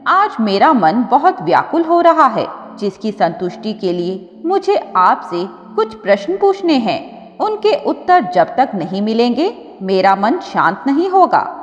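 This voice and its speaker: A woman's voice: a little high, big pitch swings, measured pace. Earnest goddess Parvati voiced by a woman, echoing. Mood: troubled. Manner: pleading, earnest. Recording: dull audio with long reverb.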